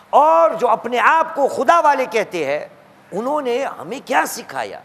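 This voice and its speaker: A man preaching with a very high, gravelly voice that swings lively up and down. He drives home his sermon with rhetorical questions and repeated refrains, and recites verses in Arabic. The sound carries a long reverb from a large hall. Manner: recites Quranic verses in Arabic between plain exhortation.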